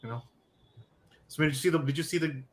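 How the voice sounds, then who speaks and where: A man's voice: fairly high pitch, quick pace, a little hiss or hum. Chatty young man hosting a movie stream. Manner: chatty, joking, many fillers. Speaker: podcast host. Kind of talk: casual movie chat on a stream.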